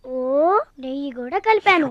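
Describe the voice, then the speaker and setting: A woman's voice: lively intonation, normal speed, no echo, muffled recording. A woman in a film playing a sweet little girl who is affectionate and teasing toward her uncle. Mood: playful. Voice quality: high childlike voice. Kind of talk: film dialogue.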